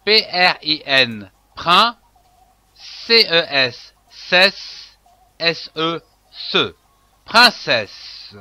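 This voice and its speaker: Man, children's reading teacher, phonics lesson, letter-by-letter spelling, lively up-and-down pitch, fairly high voice. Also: drawn-out words, clear, resonant tone, dry recording. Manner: spells out letters then blends them into syllables and words.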